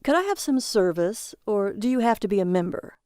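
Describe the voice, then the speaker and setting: A woman's voice: mid-range voice, big pitch swings, a little fast, darkish tone, no echo, clean studio sound, natural voice. A woman voicing a polite, exasperated adult male traveler who is sometimes sarcastic.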